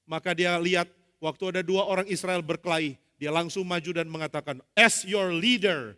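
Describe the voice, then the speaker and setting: A male pastor preaching a lively sermon, acting out dialogue with humor. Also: a little high, fast talker, clear, resonant tone. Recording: long hall reverb.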